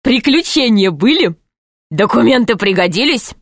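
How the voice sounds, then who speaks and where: A cheerful eccentric shopkeeper hurries his guests along in a jolly, welcoming way, as a woman reading a storybook voices him. The voice sits rather high and sounds dry and close. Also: big pitch swings, normal speed, dry recording.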